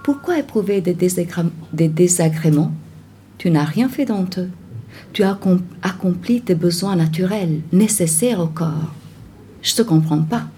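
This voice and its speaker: A woman voicing a worldly young woman who speaks frankly but gently. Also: fairly low pitch, expressive, moderate pace, a little hiss or hum, lightly acted. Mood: consoling. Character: worldly young woman, blunt yet tender.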